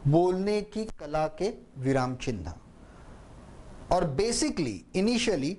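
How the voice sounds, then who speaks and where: A man gives a spoken lesson as a public speaking trainer. His fairly high voice moves through a wide, animated range, and he talks at an unhurried, measured pace while he demonstrates word stress. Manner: slow, deliberate, demonstrates stress on words. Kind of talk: spoken lesson on speech emphasis.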